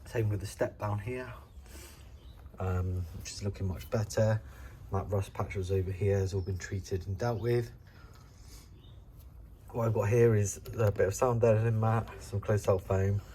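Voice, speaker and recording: A man with a fairly low voice hosts a casual build walkthrough, explaining things informally. There is faint noise in the background. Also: a little mellow. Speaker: DIY bus conversion video host.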